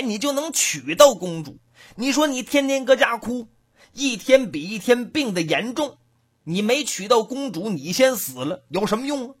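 A woman voicing a blunt male bystander who lectures a weeping man at rapid pace in a husky voice. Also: medium pitch, a bit bright. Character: blunt, scolding male bystander giving advice.

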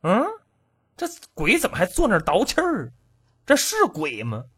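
Man doing a confused young watchman muttering to himself, bright husky voice. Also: high-pitched, wildly swooping pitch, normal speed, exaggerated voice. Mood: puzzled. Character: young night watchman in a ghost costume, puzzled.

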